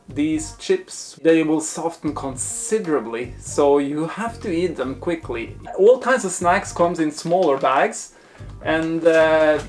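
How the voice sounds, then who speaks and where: A man presenting a casual taste-test review, thinking aloud in hesitant, broken phrases. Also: fairly high pitch. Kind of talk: casual food review talk to camera.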